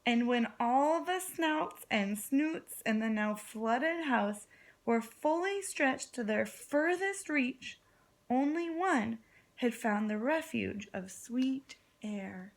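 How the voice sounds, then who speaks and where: A kindergarten teacher with a slightly high, gravelly voice reads a story aloud with lots of expression. She draws her young listeners in with simple questions and dramatic phrasing.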